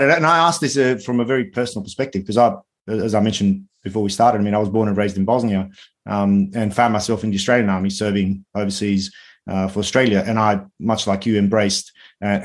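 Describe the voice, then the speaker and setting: A man hosting a podcast interview, asking long rambling questions with restarts. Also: fairly low pitch. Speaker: podcast host. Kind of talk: casual interview talk.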